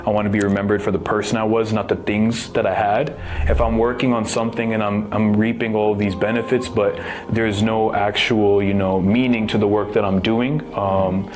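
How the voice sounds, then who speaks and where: A young man hosting a podcast interview, talking in a relaxed, earnest way with many fillers. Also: fairly low pitch, normal speed. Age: young adult. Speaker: podcast host. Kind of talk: casual interview.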